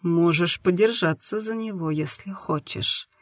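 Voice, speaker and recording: A woman voicing a calm, confident man in an adult audiobook, speaking softly and coaxingly. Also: fairly low pitch, a little slow, no echo, studio quality. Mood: gentle. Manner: soft and coaxing.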